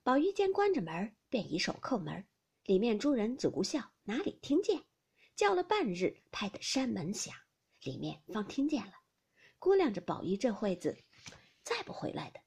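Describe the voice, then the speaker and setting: Woman narrator for a classic novel audiobook: very breathy, lively melody, slips into whispers. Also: mid-range voice, moderate pace. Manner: expressive, with many whispered passages.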